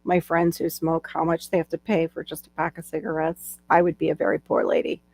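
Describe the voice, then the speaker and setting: A woman's voice: low voice, flat delivery, brisk, darkish tone, no echo. A middle-aged woman hosting a livestream, chatting casually and laughing often. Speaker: livestream host. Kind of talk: casual chat. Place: home livestream. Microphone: video call.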